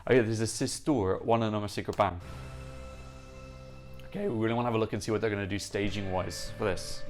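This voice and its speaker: A young man with a lowish voice talks through a music reaction in an eager, gushing way. His delivery is loose and chatty, analysis tumbling out between exclamations, with faint music playing behind him. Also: fast. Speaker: Eurovision reaction channel host.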